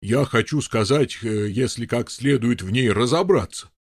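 A man's voice: medium pitch, moderate pace, breathy edge, dry recording, studio quality. A man voicing a stolid, fussy knight who talks ponderously and fumbles for words. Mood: musing. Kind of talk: audiobook character voice.

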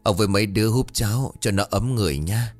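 A man's voice: lowish voice, fast talker, no echo, soft background music, lightly acted. A man voicing a caring, scolding middle-aged village wife in a spoken story. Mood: fussing. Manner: fussing, nagging.

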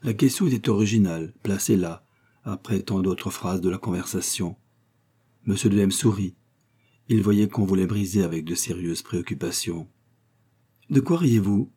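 A man reading a classic novel aloud as an audiobook narrator, in measured, even storytelling. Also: deep voice, slightly rough. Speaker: audiobook reader. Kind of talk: scripted narration.

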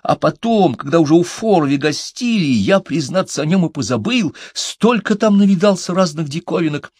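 A man's voice: fairly high pitch, lively intonation, normal speed, darkish tone, slightly rough, dry recording, voice pushed up. A man voicing a thoughtful, earnest male hobbit who explains things carefully.

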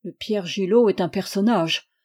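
Casting: woman voicing a curt young man-at-arms, mellow and measured. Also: mid-range voice, lightly acted. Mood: guarded.

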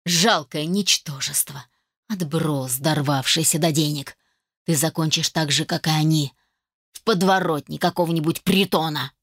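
A woman's voice: low-pitched, moderate pace, fairly bright tone, no echo, clean studio sound. A woman reading an audiobook voices a jealous young man who talks with bitter spite. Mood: hateful.

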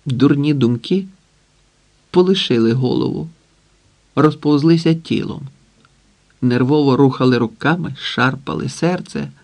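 A man narrating a novel as an audiobook in an even, measured way. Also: medium pitch, vocal fry.

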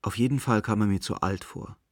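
A man narrating a radio drama in a slow, measured, melancholic manner. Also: fairly low pitch, darkish tone, no room sound, studio quality, close to an everyday voice. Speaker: narrator and main character.

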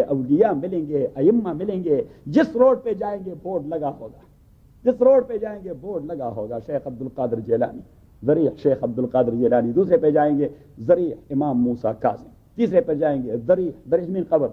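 A man teaching a scripture class in a storytelling manner, repeating phrases for emphasis and reciting Arabic lines slowly. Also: high voice, husky. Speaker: Quran teacher. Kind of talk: Urdu Quran commentary class. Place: mosque or community hall class. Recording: tinny phone-like recording.

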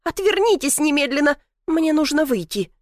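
Woman doing a young girl shrieking mad, high pitched and loud, dry sound. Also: very animated, slow, dry recording, full character voice. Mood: indignant. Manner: shrill, accusing, loud. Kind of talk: audiobook character voice.

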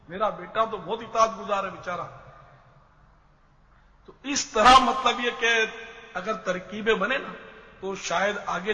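A man's voice: sits high, pushed and bright. A man preacher giving a patient, explanatory Islamic advice lecture on family life, using everyday examples. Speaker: religious preacher. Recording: dull lo-fi sound in a reverberant hall.

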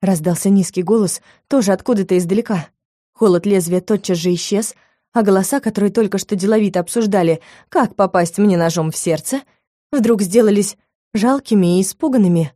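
A woman narrating a first-person audiobook, telling the story in a lively, expressive way. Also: medium pitch, a little fast, no echo, studio quality.

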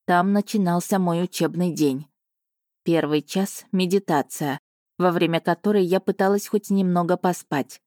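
A woman reading a first-person audiobook in a lively, ironic storytelling manner, close to the mic. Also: on the low side, moderate pace, dry recording. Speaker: audiobook narrator.

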